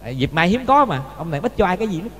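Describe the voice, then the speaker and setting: A Buddhist monk gives a dharma talk, telling a story and often asking the listeners rhetorical questions. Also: male voice, high-pitched, big pitch swings, very fast, a bit bright. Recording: long reverb with faint hum.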